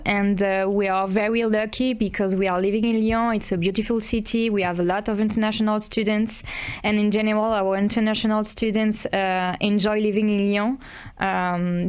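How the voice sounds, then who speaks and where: Woman, smooth clear tone; school staff presenting in an online session, measured and explanatory. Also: mid-range voice, darkish tone. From France. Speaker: head of international relations at a school. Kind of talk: live online info session.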